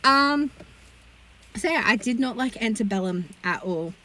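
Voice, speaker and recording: A woman gives a casual movie review in a somewhat high voice. She talks bluntly and sounds exasperated, swearing freely. Her delivery is chatty and loose, full of fillers. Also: animated, a little slow, sharp tone, low-quality recording.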